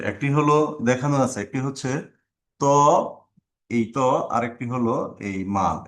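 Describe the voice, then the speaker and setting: A man of middle pitch giving a grammar lesson to exam students. He talks in a slow, step-by-step way and breaks words into single sounds, pausing between each one. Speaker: teacher.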